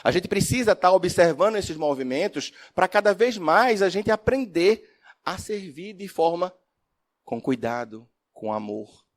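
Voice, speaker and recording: A man's voice: high voice, measured pace. A man giving a religious lecture as a spiritist speaker and professor, telling stories expressively and asking the audience questions. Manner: expressive storyteller, asks the audience questions, swings from loud to soft.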